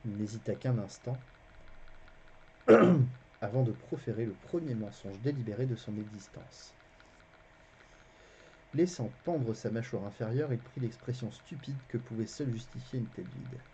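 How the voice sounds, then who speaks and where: A streamer narrating a fantasy novel aloud on a live stream, in an animated, expressive telling. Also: medium pitch, moderate pace, pauses often, a little hiss or hum. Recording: dull, lo-fi stream audio.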